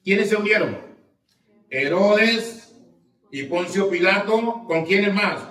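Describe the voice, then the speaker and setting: Male pastor, high voice, slow deliberate sermon, recorded from a distance in a reverberant church. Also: fairly bright tone. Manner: preaching with call-and-response questions; reads scripture aloud with rising emphasis. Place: church sanctuary. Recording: echoey church, mic at a distance.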